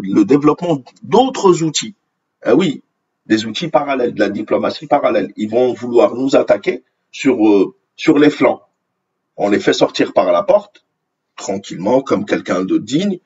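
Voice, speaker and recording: An online commentator from Algeria, a man whose native language is Arabic, reads news articles aloud and gives indignant, opinionated commentary, repeating phrases for emphasis. His mid-range voice is slightly rough, and the recording has its highs cut off.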